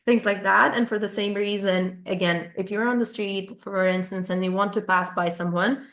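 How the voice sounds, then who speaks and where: A woman's voice: medium pitch, steady tone, normal speed, fairly bright tone. Woman club host, echoey sound. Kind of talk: informal explaining to a group. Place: group online call. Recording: roomy, echoing online call.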